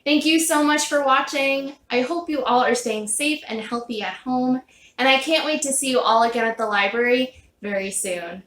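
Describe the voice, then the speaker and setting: A woman's voice: high-pitched, normal speed. A woman leading a children's sing-along in a kindergarten teacher voice, encouraging and simply phrased for small children. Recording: roomy echo with loud ukulele music. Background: ukulele playing.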